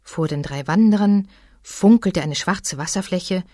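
A woman reading a children's story aloud in an expressive way. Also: lowish voice, a little slow, dry recording, clean studio sound.

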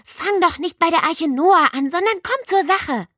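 Woman doing a pushy, excitable schoolgirl. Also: very high-pitched, normal speed, no echo, studio quality, pitched above the performer's own voice. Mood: impatient. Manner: pushy, easily shocked.

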